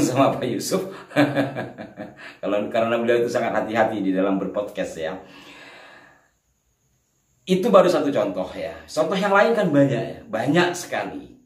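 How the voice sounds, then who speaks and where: A male host talks straight to his viewers in an earnest monologue. The room rings with echo. He sits at a distance from the microphone. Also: medium pitch. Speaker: channel host. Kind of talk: commentary monologue.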